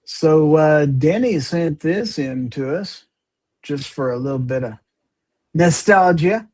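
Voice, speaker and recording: Husky-voiced man hosting a chatty podcast. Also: a little high, lively intonation, a little mellow. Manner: quick, chatty, sharing screen clips. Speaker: podcast host. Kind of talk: casual live panel chat.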